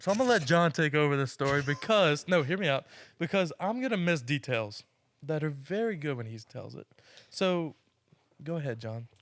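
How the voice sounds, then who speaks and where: A man's voice: on the high side, expressive, moderate pace, dry recording. A young man co-hosting a casual podcast, eager and jumpy as he sets up a story. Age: young adult. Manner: eager, jumpy, keeps saying hear me out. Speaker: podcast co-host. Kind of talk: casual chat.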